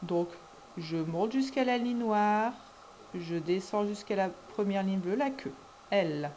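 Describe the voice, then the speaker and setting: Calm woman teacher explaining handwriting. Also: mid-range voice, slow, background noise. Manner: calm, patient, talks through each stroke as she writes. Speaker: kindergarten teacher. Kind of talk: handwriting lesson, step-by-step.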